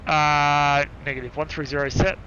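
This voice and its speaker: A man's voice: on the high side, little pitch movement, normal speed. A man flying as a virtual pilot, mixing jokey, sweary gaming chat with radio calls. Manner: jokey, laid-back, sweary. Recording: dull audio with clear noise.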